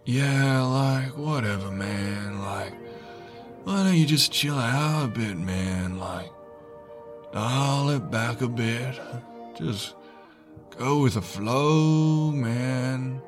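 A laid-back, drawling dude of an emotion, voiced by a man. He talks slowly and sprinkles "man" everywhere, with music underneath. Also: medium pitch. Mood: mellow. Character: laid-back stoner-ish male emotion, contentment.

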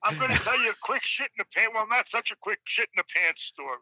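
A man calling in over a phone on speakerphone, telling stories in a casual, animated and jokey way. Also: sits high, fast, dry recording. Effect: heard over a phone on speakerphone. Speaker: caller. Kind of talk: casual storytelling on a talk show.

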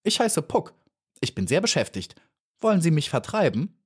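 A man's voice: big pitch swings, normal speed, slightly rough. A man voicing a cheeky, boastful little female housefly in a storybook reading, cocky and dismissive. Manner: cocky and dismissive, then shrill and pleading.

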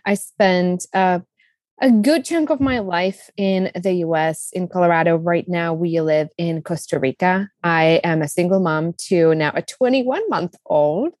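Speaking at a measured pace in a lowish, darkish voice, this woman in her thirties from the Czech Republic shares her story as a guest in a casual interview. She's a business coach with a Czech accent, eager and talkative, using many fillers. The studio-quality recording has no room sound.

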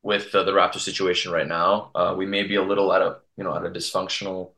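A young man with a very low, bright, forceful voice, talking earnestly in a casual podcast interview. He restarts his sentences often as he works through his answers. The sound carries a roomy echo. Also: little pitch movement, vocal fry. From Toronto, Canada. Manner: earnest, halting, many restarts. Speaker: guest from a Serbian community TV channel.

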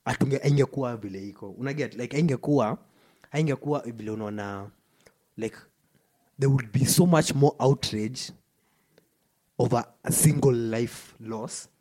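Casting: Kenyan male podcast co-host, husky voice, opinionated and emphatic, code-switching into Swahili slang. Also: medium pitch, moderate pace, warm tone. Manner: emphatic, stop-start delivery with repetition. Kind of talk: casual opinionated discussion, mixing English and Swahili slang.

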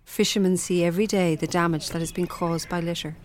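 A woman's voice: on the low side, steady tone, brisk, a little hiss or hum. A woman presenting scripted documentary narration in an earnest, emphatic manner.

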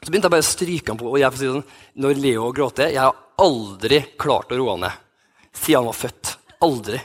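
A man in his thirties, a youth pastor, telling a personal story in a sermon with many restarts and fillers. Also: mid-range voice. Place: church hall.

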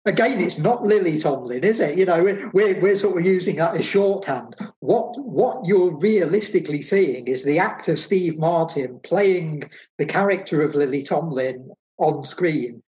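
Excitable male film-podcast host with a slightly high voice and a dull, lo-fi recording. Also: moderate pace. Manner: enthusiastic, emphatic, repeats phrases. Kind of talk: casual film discussion.

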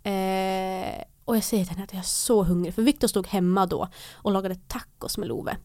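A young woman in casual chat, telling a story lively and acting out what people said. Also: mid-range voice, no echo. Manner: lively storyteller who acts out quotes.

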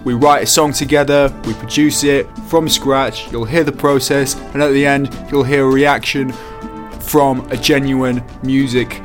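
A man's voice: mid-range voice, fairly even intonation, measured pace, soft background music. A man hosting a podcast in casual chat, rambling and self-mocking with lots of fillers. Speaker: podcast host.

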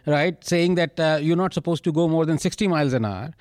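A man's voice: a little high, fairly quick, a little mellow, dry recording, clean studio sound. A man arguing emphatically in a panel discussion, repeating points and giving spoken examples.

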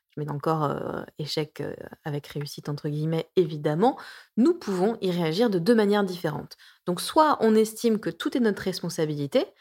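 A woman of about forty hosts her own podcast, reading her writing aloud with a teasing, playful sense of humour. She keeps stepping out of the text for chatty asides, hesitating and restarting as she goes, and her voice sits at an ordinary middle pitch. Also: a little mellow. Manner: playful and jokey, with self-mocking asides. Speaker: podcast host, coach and therapist.

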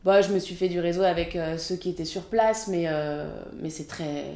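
This clip has a roomy sound, with a fairly low, darkish voice moving at normal speed. The speaker, a French film assistant director in her thirties, talks frankly and casually in an interview, leaning on many fillers.

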